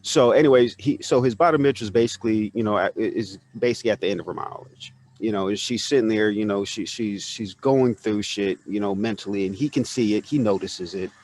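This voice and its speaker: Podcast host, male, lowish voice, loose rambling storyteller who acts out quotes. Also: fairly quick, few pauses, a little mellow, a little hiss or hum. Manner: rambling retelling full of "you know" fillers. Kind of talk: casual storytelling chat. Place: home, neighbor mowing outside.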